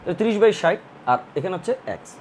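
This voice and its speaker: A man tutoring math, working through a problem slowly and step by step, thinking aloud as he draws. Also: sits high, expressive, slight background noise. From Bangladesh. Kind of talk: recorded math lesson.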